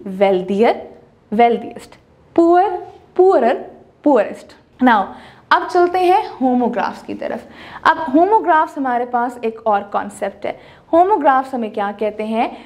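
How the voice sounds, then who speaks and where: Woman teacher, high voice, patient step-by-step grammar explainer who stretches out example words. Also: darkish tone. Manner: mixes English terms into Hindi explanation. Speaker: English teacher. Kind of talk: classroom grammar lesson.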